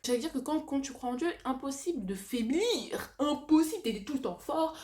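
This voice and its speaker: Young woman chatting candidly, with a lisp. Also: high-pitched. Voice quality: lisp, slushy s sounds. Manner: animated, halting and self-correcting, with slangy asides and bits of English. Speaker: vlogger. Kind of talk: casual, confessional chat to viewers.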